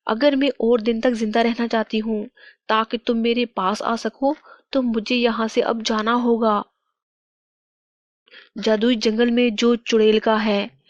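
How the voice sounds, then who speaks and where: A woman voicing a loving, devoted young queen in a cartoon storybook, soft-spoken and tender. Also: on the high side, no echo, lo-fi sound.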